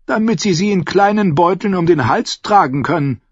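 A man's voice: high-pitched, expressive, moderate pace, breathy edge, no echo, voice pushed up. A man voicing an old, gloomy male smuggler who grows agitated and insistent. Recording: dull lo-fi, dry.

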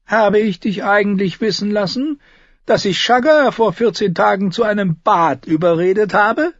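A man's voice: high-pitched, moderate pace, no echo, lo-fi sound, pitched above the performer's own voice. A male audiobook narrator voicing a witty, sly dwarf lord in a raised, mocking voice. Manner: mocking, wheezing with laughter.

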